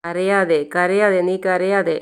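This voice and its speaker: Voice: medium pitch, flat delivery, takes it slowly, clean tone. A narrator voicing a self-assured older village midwife, matter-of-fact and insistent.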